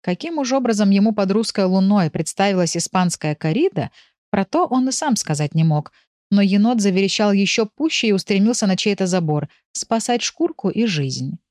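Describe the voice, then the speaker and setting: A woman narrating an audiobook with a lively, expressive storytelling voice. Her voice sits at a middle pitch. The recording is dry and close, with no room sound. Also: normal speed, no room sound.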